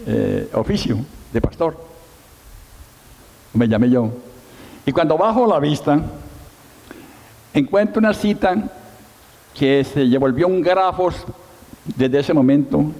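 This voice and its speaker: A middle-aged male pastor with a mellow, mid-range voice preaches a sermon, telling his story with emphasis and self-mocking humor. The audio has its highs cut off, and the church hall adds a long reverb.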